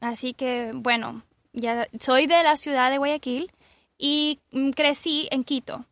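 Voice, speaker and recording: Una mujer joven ecuatoriana con acento de Ecuador, estudiante invitada, habla de forma cordial y conversadora. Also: female voice, sits high, fairly even intonation, slow, no echo. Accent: Ecuadorian Spanish. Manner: warm, polite, chatty. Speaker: guest, journalism student. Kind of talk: friendly interview chat.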